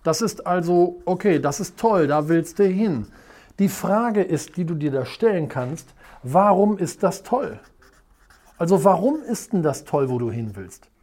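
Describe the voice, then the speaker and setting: A motivational coach with a mid-range, unhurried voice teaches at a whiteboard in a video lesson. He talks emphatically, repeats rhetorical questions, and tells stories in a lively, dramatic way.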